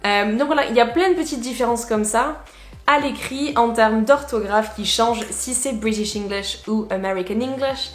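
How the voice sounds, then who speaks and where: A woman with a somewhat high voice teaches in an easy, conversational way, pausing on fillers as she explains. Her voice rings in an echoey room, with faint music underneath. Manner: relaxed, explanatory, many fillers. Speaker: English teacher. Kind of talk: casual teaching talk.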